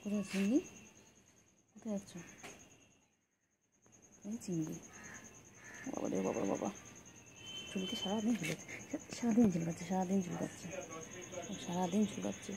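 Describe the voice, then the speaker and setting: A woman's voice: mid-range voice, moderate pace, vocal fry, pauses often, crowd noise. A woman filming her pet cat at home, talking to it in repetitive, sing-song baby talk.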